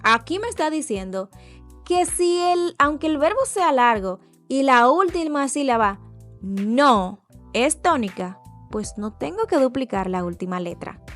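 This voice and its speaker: A woman teacher explains grammar at an unhurried pace, her voice sitting a little high. She repeats example words twice and spells out patterns letter by letter. Soft music plays faintly behind her. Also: sing-song. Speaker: English teacher. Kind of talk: slow explanatory lesson.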